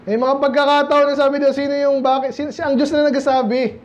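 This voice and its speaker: Male pastor, Filipino accent, fairly high voice, verse-by-verse Bible teaching, slow English scripture reading, muffled recording with faint hiss. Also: flat delivery. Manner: reads King James verses slowly in English, then explains in Taglish. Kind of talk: verse-by-verse Bible study preaching. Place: church sanctuary, indoors.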